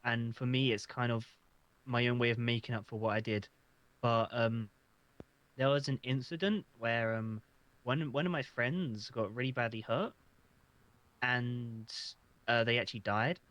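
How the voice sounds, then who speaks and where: An earnest man answers interview questions, stumbling and restarting as he goes. His voice sits at a middle pitch. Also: measured pace, fairly bright tone, muffled recording. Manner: hesitant, stammering, earnest. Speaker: job applicant. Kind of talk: casual roleplay interview.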